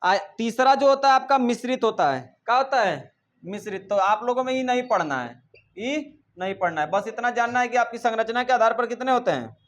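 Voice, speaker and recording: High-voiced guy teaching chemistry, keeps asking the class questions and scolds them. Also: a little fast. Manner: drills students with repeated questions, scolds them.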